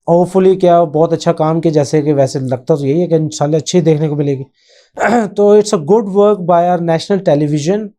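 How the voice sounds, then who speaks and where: A man's voice: fairly high pitch, mellow. A man hosting his own channel, talking through a topic in casual spoken commentary, rambling with frequent hesitations and English phrases mixed in. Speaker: channel host.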